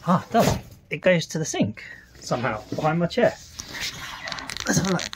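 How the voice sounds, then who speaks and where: Amid background noise, a man with a fairly high voice strolls around an old van in a workshop. He's a vlogger restoring the classic vehicle, giving casual, curious commentary and thinking out loud as he goes.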